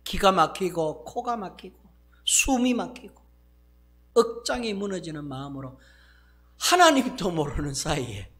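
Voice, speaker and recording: Animated Gyeongsang-accented pastor, fairly high voice. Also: male voice, creaky. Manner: animated, acts out exclamations, swings from loud to hushed. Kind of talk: sermon.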